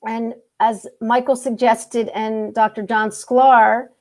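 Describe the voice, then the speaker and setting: A woman's voice: a little high, level tone, takes it slowly. A woman hosting a casual group discussion over a video call, talking with enthusiasm, repeating herself and joking. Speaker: host.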